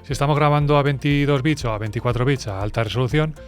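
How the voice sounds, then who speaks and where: A man from Spain who works as a music producer, explaining sound and recording in a chatty, direct way to his viewers. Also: medium pitch. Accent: Spain Spanish. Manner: brisk, chatty and explanatory, speaking straight to viewers. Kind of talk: explainer video.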